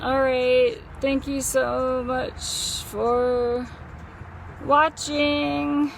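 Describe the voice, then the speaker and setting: A woman vlogging casually, weak, groggy and in pain after surgery, speaking in a halting, drawn-out way. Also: high-pitched, little pitch movement, gravelly, a little hiss or hum, low-quality recording. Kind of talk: casual vlog chat.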